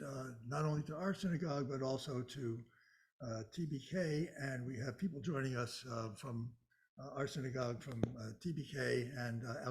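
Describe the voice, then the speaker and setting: Male introducer, mid pitch. Informal, hesitant delivery to a live gathering. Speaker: event organiser introducing a speaker.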